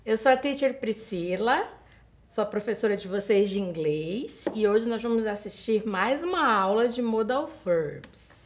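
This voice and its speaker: A female English teacher from Brazil gives a recorded video lesson over slides, slowing right down for each example sentence and checking in with the student. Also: on the high side, gravelly. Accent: Brazilian Portuguese. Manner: addresses the student directly with checking questions.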